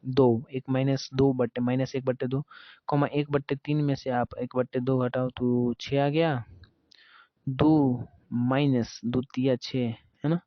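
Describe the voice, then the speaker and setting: A man's voice: medium pitch, little pitch movement, a little slow, no echo, muffled recording. A man teaching a math class in a casual, chatty way, asking questions and answering them himself. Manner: chatty, asks and answers his own questions.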